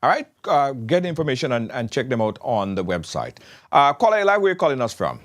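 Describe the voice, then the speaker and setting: A man's voice: medium pitch, sing-song, a little fast, a bit bright. A man hosting a live call-in show, urging viewers to phone in and taking callers.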